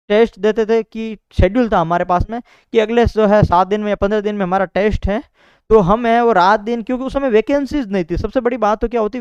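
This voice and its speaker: A man's voice: high-pitched, darkish tone, clear, resonant tone, no room sound, lo-fi sound. A young man talks casually to exam students about his preparation, repeating himself and filling in with "bhai" and "theek hai". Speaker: exam topper sharing preparation strategy. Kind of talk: casual motivational talk to students.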